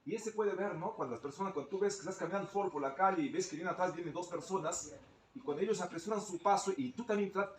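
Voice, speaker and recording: A man's voice: high-pitched, fast talker, echoey room, recorded from a distance, slight background noise, low-quality recording. A male teacher speaking up in a training session, explaining things at length and often ending phrases with a tag question.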